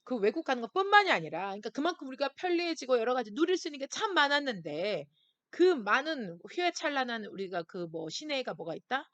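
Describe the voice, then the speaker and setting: A woman pastor preaching to young people, her voice high and constantly rising and falling. She pushes hard on key points, then sinks to a soft near-whisper. The sound is close and dry. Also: fast talker, dry recording. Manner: lively and emphatic, acting out voices of worried listeners. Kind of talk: sermon to a youth group.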